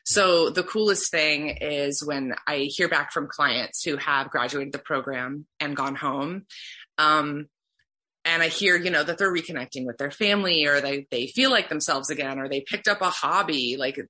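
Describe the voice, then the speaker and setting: A woman's voice: low voice, moderate pace, bright, forceful tone. A woman explaining a clinical treatment program in an interview, earnest and heartfelt. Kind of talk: conversational interview.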